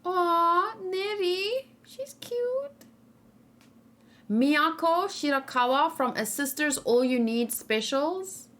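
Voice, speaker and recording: A young woman streams live, reacting to a game character with a very high-pitched, slightly bright voice and lively intonation. She takes her time, chatting casually, reading viewer comments aloud and rambling with plenty of fillers.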